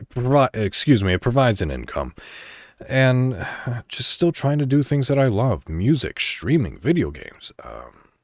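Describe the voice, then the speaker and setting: A man with a lowish voice hosts a solo podcast, talking casually and conversationally, somewhat rambling, and reading articles aloud. The recording is studio quality with no room sound.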